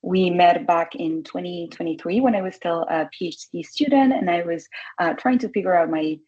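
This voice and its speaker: A low, husky woman's voice, presenting her research over a video call. She stumbles a little, filling pauses with "uh" and repeating words as she goes. The sound is dull and lo-fi. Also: dark tone. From Argentina. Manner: hesitant, with frequent "uh" and repeated words. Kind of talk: webinar presentation.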